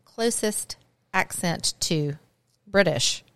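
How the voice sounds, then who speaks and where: Southern woman in her middle years, low voice, dry close sound, chatty co-host who chimes in often. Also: a bit bright, smooth, no echo. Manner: chatty, quick to chime in and agree. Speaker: podcast co-host. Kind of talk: casual chat.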